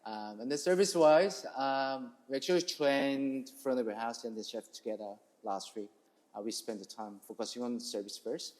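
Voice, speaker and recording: With a medium-pitched, darkish voice at normal speed, a South Korean man with a Korean accent chats through a casual interview as a chef. He recounts his story in halting, non-native English.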